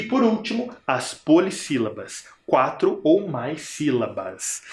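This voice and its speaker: A man teaching a video lesson to primary school children with a Brazilian Portuguese accent, patient and clear, drawing out rhyming words slowly. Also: mid-range voice, reverberant.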